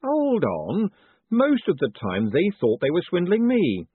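A man voicing an exasperated, quick-tongued con man who talks in sharp, indignant bursts. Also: sits high, huge pitch swings, slightly rough, dry recording, voice pushed up, full character voice. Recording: dry, phone-like narrow band.

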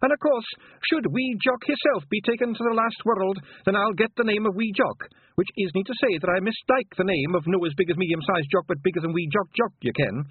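A man voicing an eager young male pixie warrior with a Scottish accent, speaking in a high, earnest, dutiful way. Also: brisk, few pauses, husky, no room sound. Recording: tinny phone-like sound.

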